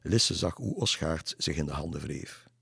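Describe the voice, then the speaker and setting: Deep-voiced male storyteller. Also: animated, normal speed, creaky, bright, forceful tone, slightly rough, dry recording, clean studio sound. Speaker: narrator. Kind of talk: storybook narration.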